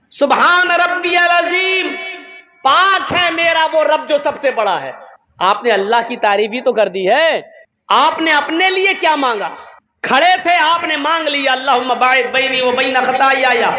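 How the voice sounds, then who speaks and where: A man with a very high voice preaches to a gathering, pressing his listeners with question after question and breaking into chanted prayers. The sound is echoey and roomy, with a crowd audible behind him. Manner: emphatic, rhetorical questions, chants Arabic prayers. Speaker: Islamic preacher. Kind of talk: religious lecture.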